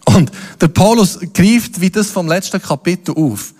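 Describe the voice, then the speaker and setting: A man's voice: high-pitched, moderate pace. A man preaching a sermon, telling stories with playful asides. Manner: lively storytelling with playful asides. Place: church hall. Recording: long hall reverb.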